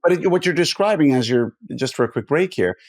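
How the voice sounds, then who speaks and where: A man's voice: on the high side, lively intonation, fairly quick. A man hosting a podcast interview who rambles, corrects himself and jokes as he sets up questions. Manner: rambling, self-correcting, jokey. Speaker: podcast host. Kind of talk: conversational interview.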